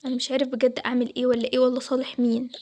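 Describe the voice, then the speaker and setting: A woman's voice: high-pitched, little pitch movement, very fast, darkish tone, slight background noise. Woman voicing a placating Egyptian groom. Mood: soothing. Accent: Egyptian Arabic. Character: young groom, torn and soothing.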